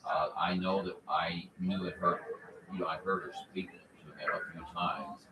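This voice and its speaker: A man's voice: sits low, fairly even intonation, normal speed. A man from southern Missouri chatting casually as a ham radio operator, rambling with lots of "you know" fillers, heard through a mistuned sideband signal. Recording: noisy, echoey, distant radio reception.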